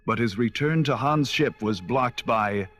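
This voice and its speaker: A man with a mid-range voice narrates a scripted children's adventure story at a measured pace, reading it along dramatically. The recording comes from a 1979 cassette, with loud music playing underneath.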